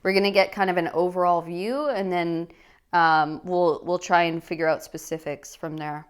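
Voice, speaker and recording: Fairly low, steady and clean in tone, this channel host's voice keeps a moderate pace. She gives a casual, chatty tarot reading to camera, addressing her viewers in an effusive, affectionate manner.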